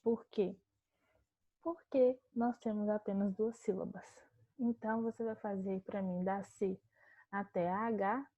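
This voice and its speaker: A Brazilian woman teacher giving a calm online grammar lesson, explaining step by step and slowing to spell out words. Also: mid-range voice, no room sound, phone-quality sound. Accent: Brazilian Portuguese.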